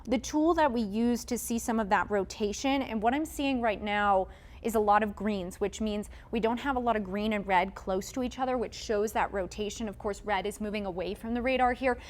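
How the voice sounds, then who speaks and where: A woman's voice: mid-range voice, moderate pace. A woman meteorologist giving live breaking weather coverage, explaining radar and urging viewers to take shelter. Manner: urgent, explanatory, giving safety instructions.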